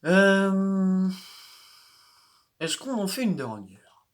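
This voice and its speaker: A man's voice: sits high, very animated, extremely slow. A man giving casual, hesitant commentary while playing a racing game, often restarting his sentences and chuckling. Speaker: gaming video host.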